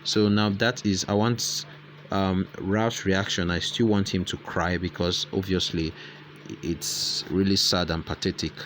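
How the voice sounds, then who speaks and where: A man's voice: deep voice, fairly even intonation, a little slow, a bit bright, a little hiss or hum. A man hosting an app tutorial who explains each step in a rambling way and corrects himself as he goes. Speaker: tutorial host. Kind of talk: screen-recorded app tutorial.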